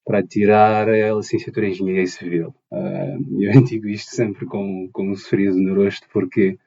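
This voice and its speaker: A man's voice: fairly low pitch, flat delivery, normal speed, gravelly, mellow, breathy edge, dull audio. A young man from Mozambique, a podcast guest answering thoughtfully and searching for his words with many restarts. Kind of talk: conversational interview answers.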